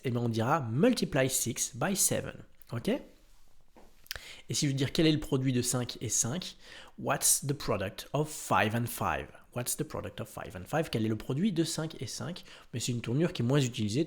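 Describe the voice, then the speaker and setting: Brief: French-speaking man, patient teacher, spells words slowly, middle pitch. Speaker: English teacher. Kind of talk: explaining a lesson.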